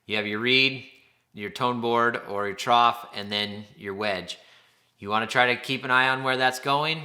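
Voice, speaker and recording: A man's voice: mid-range voice, pushed and bright. A man giving an informal, plain-spoken instructional demonstration, explaining things step by step.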